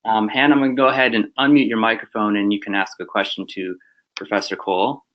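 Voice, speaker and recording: A man's voice: on the low side, fairly even intonation, quick pace, highs cut off. A man moderating a webinar, reading out audience questions and calling on participants in a friendly way.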